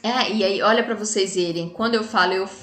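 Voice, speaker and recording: A woman teacher with a Brazilian Portuguese accent casually explains a lesson to children, chatty and often checking in with tag questions. Her medium-pitched voice is a bit bright and a little fast, in an echoey room with faint music.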